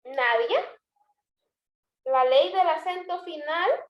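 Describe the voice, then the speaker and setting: Speaking slowly in a very high voice, a language teacher leads an online poetry class, asking students questions as she explains step by step. The sound is lo-fi.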